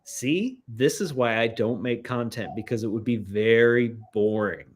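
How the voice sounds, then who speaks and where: Male guest, middle-pitched, rambling musing talker, casual. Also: unhurried. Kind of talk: casual chat.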